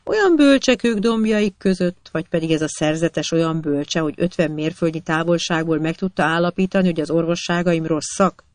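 An earnest young woman doctor, put on by a storyteller, pleads with her patients. Her voice sits in a middling range and sounds dry and close. She talks with steady, insistent devotion. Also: mid-range voice, hardly any pauses, no room sound, lightly acted. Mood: pleading. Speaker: hospital doctor.

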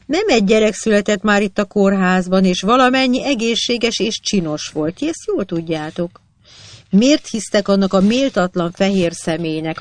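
An earnest young woman doctor, put on by a storyteller, pleads with her patients. Her voice sits in a middling range and sounds dry and close. She talks with steady, insistent devotion. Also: mid-range voice, dry recording, close to an everyday voice. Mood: indignant. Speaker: hospital doctor.

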